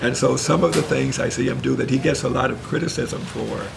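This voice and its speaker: Loud background noise surrounds this interview with an older minister, formerly an engineer, who recounts his story thoughtfully and at a measured pace. His mid-range voice has vocal fry, a mild stutter, and the odd swapped word.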